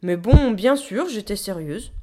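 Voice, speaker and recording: A woman voicing a bossy, blustering female gorilla in a storybook reading, brisk and gruff. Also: mid-range voice, lively intonation, mellow, natural voice. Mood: pleased.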